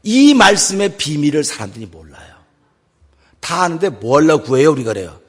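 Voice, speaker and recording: A husky-voiced male pastor preaches a sermon in a church sanctuary, his voice sitting high for a man and swinging widely in pitch. He drops to near-whispers when he acts out a prayer, then surges back up to fervent exhortation. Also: sing-song, brisk. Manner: dramatic, swings from hushed acted prayers to loud exhortation.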